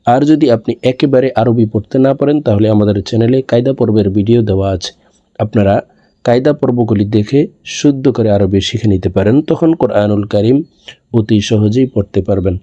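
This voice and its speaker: A man teaching Quran reading, spelling out each letter slowly and then chanting the verses long and drawn out. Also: fairly low pitch, warm tone, highs cut off. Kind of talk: recitation lesson.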